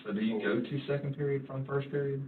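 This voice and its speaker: A man's voice: medium pitch, steady tone, fast talker, a little hiss or hum. A man questioning someone in a police interview as an investigator, informal and probing. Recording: echoey, tinny, distant interview room recording.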